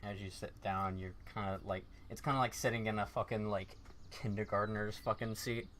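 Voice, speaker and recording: Low, bright-voiced man running a game. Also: fairly even intonation, moderate pace, slight background noise. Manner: informal, sweary. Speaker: game master. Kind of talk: casual tabletop game narration.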